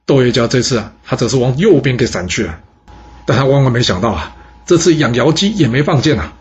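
A man narrating a history story in a lively, animated way. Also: mid-range voice, a little fast, slight background noise. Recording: dull lo-fi recording.

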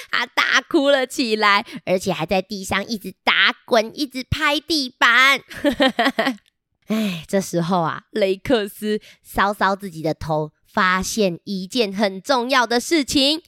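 A woman with a Taiwanese Mandarin accent reading a picture book aloud to children, asking them lively questions. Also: mid-range voice, slow, no room sound, studio quality. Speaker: children's storyteller.

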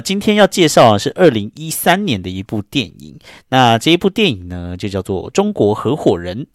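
A man's voice: lowish voice, no room sound, studio quality. A middle-aged man hosting a casual solo podcast, chatty and given to emphatic rants. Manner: chatty, ranting, with emphatic complaints. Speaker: podcast host.

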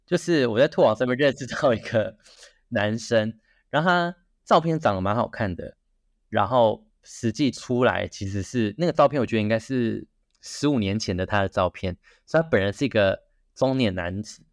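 A man from Taiwan, co-hosting a casual podcast and reacting with quick exclamations. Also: on the low side, dry recording, clean studio sound. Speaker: co-host.

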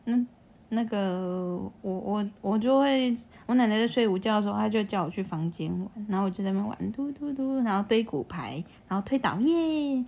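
A woman's voice: mid-range voice, animated, normal speed, creaky, darkish tone. Young woman, casual podcast co-host, chatty storyteller with lots of restarts. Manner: chatty, restarts a lot, acts out childish voices in quotes. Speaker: podcast co-host telling childhood stories. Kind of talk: casual chat. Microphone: desk USB condenser mic.

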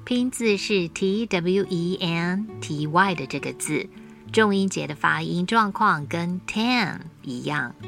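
Woman teacher on a podcast, low gravelly voice, soft guitar behind. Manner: slow, careful, with drawn-out example words. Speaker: English teacher. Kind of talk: podcast language lesson. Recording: faint guitar music behind.

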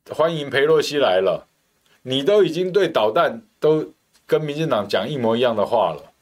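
A middle-aged man from Taiwan hosting a political talk show, delivering a scornful, heated monologue full of hammering rhetorical questions. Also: mid-range voice.

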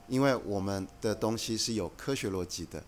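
A man who is a guest executive on a podcast, explaining his company's approach in a measured, earnest way. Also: lowish voice, faint music behind. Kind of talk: casual podcast conversation.

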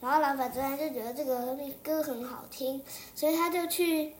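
A woman's voice: sits high, a little fast, a little hiss or hum. A young child, likely a girl, narrating an improvised story in a rambling way, restarting sentences and repeating phrases in a singsong. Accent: Taiwanese Mandarin.

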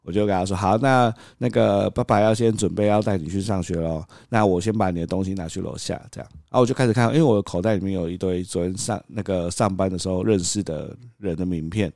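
A man's voice: low voice, fast talker, gravelly, few pauses, no echo, studio quality. A father, co-hosting a podcast and animatedly acting out a story about his toddler, laughing as he goes. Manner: animated, acts out scenes, laughs often. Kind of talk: casual storytelling chat.

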